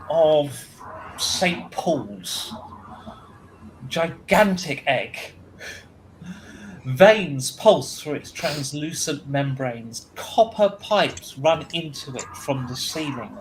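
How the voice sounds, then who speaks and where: A man running a tabletop game, narrating scenes at an unhurried pace with frequent pauses and filler sounds. His voice sits at a middle pitch, and a faint hiss runs under it. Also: rough recording. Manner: slow, halting with ums and uhs. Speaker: game master.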